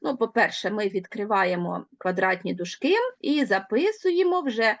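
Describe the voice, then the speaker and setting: A woman teaching an online grammar lesson, speaking clearly and deliberately and drawing out words slowly for the class. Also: mid-range voice, lively intonation, dry recording, highs cut off.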